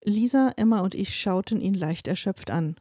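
A woman's voice: mid-range voice, normal speed, warm tone, no echo. A woman reading a darkly comic story aloud, in a dry, wry storytelling manner. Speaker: narrator.

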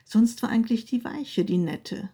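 A woman reading a story aloud in a calm, even narrating voice. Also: a little high, normal speed, slightly rough.

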